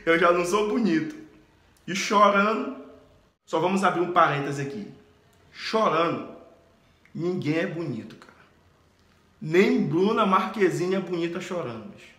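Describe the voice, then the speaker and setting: High, bright Brazilian man telling a story. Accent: Brazilian Portuguese. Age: 30s. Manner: excitable, laughing, expressive retelling. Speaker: vlogger. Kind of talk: animated storytelling vlog. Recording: echoey room.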